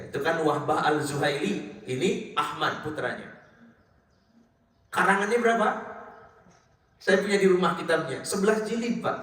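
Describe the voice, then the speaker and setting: A middle-aged man preaching in a mosque, telling stories lively and often addressing his listeners directly. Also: on the high side. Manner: lively storytelling, addresses listeners as Pak and Bapak Ibu. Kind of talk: mosque religious lecture. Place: mosque hall. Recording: very echoey hall, mic far off.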